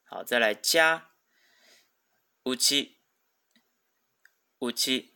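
A male teacher, talking at an unhurried, measured pace. His tone is bright and forward, and he patiently goes through vocabulary, repeating every term twice and filling pauses with short affirmations. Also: mid-range voice, creaky, clear, resonant tone. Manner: patient, repeats each word twice, frequent "hao" fillers. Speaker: Japanese language teacher. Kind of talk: podcast vocabulary lesson.

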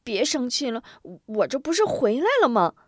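Woman doing a bright-voiced young boy for a storybook, high and quick, tumbling questions. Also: very animated, no echo, studio quality. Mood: eager. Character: eager young boy, anxious and curious.

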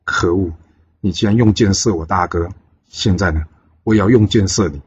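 A man's voice: deep voice, normal speed, husky. Brief: angry immortal heroine read by a male narrator, dull lo-fi recording. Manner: angry, demanding. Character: fierce young immortal woman seeking revenge.

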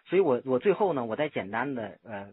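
A man's voice: medium pitch, very animated, a little fast. A man on a landline phone call, talking insistently and lecturing the listener as he pleads for help. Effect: heard over a landline phone line. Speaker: caller seeking help. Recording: tinny phone line, husky.

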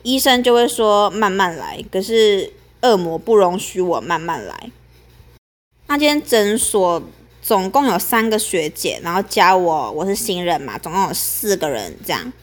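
A woman's voice: mid-range voice, big pitch swings, unhurried. A young woman, telling a story as a podcast host in a chatty, aggrieved way.

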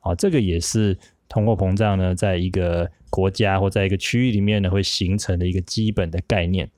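Middle-aged Taiwanese man, low voice, patient fireside storyteller explaining things to children, dry recording. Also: steady tone, brisk, a little mellow, no room sound. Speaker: host, father teaching children.

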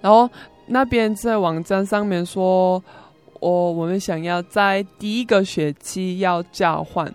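A woman's voice: lowish voice, a little slow, a little mellow, clear, resonant tone. A young woman from South Korea, a native Korean speaker, gives a personal testimony as a foreigner speaking Mandarin with a Korean accent, in simple, hesitant phrases with repeats. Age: young adult. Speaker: interview guest, student. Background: music.

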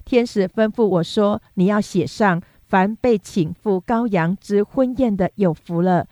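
A woman reading scripture aloud in a steady, measured, unhurried way. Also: mid-range voice, no echo. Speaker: scripture reader.

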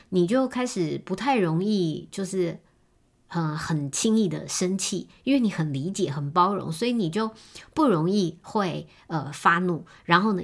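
A woman giving a gentle, explanatory self-help talk on relationships, with many fillers and soft trailing endings. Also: on the low side. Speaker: speaker on relationships.

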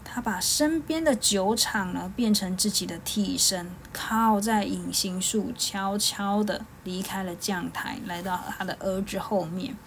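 A woman storyteller, reading a children's tale aloud in a lively way, stretching little particles between phrases. Her voice sits at an ordinary middle pitch. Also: a little hiss or hum. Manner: lively, with many drawn-out particles. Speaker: podcast storyteller.

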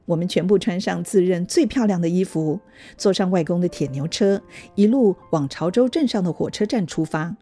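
A woman reading a children's story aloud in a gentle, even manner. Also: fairly low pitch, normal speed, soft background music. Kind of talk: scripted storybook narration.

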